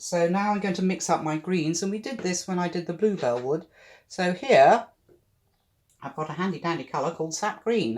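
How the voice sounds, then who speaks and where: Chatty British painting tutor. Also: mid-range voice. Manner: chatty, thinks aloud, cheerful asides. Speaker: art club painting tutor. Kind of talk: live acrylic painting demonstration.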